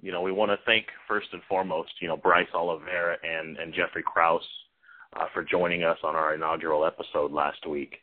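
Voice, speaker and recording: A male sports radio host with a very low voice talks off the cuff, haltingly and informally. The sound is thin and phone-like, as on internet radio. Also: fairly even intonation. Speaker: sports talk show host. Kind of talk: unscripted internet radio talk. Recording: muffled narrow-band phone-like internet radio.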